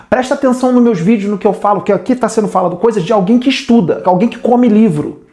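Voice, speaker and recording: A man's voice: sits high, warm tone, reverberant. Blunt scolding Brazilian man. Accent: Brazilian Portuguese. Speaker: spiritual medium. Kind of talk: spiritual lecture.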